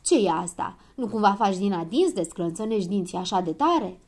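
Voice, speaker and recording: A woman's voice: mid-range voice, expressive, darkish tone. A woman voicing a grumpy little dwarf man who grumbles and sounds suspicious. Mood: grumbling.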